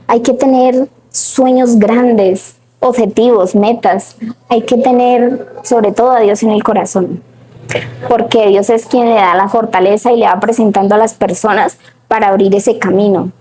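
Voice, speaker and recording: A young woman, a guest telling her personal story in an interview, filling pauses with "o sea" and acting out remembered conversations. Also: fairly high pitch, mellow, husky, low-quality recording. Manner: frequent "o sea" fillers, tells stories with quoted dialogue. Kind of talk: emotional personal testimony.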